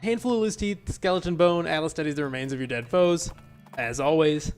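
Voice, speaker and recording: High-voiced man narrating a game. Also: fairly quick, smooth, soft background music. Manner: wry, deadpan asides. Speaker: let's player. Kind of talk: reading game text aloud with commentary.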